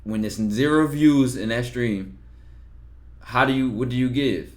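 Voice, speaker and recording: An unhurried man with a mid-range voice runs a live stream where he takes call-ins. It's laid-back stream chat, and he talks bluntly and loosely, swearing and asking rhetorical questions.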